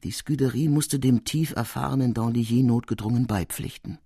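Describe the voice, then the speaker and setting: A man narrates a literary tale in a measured, expressive audiobook reading. His voice is husky and mid-pitched. The recording is close and dry. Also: dry recording.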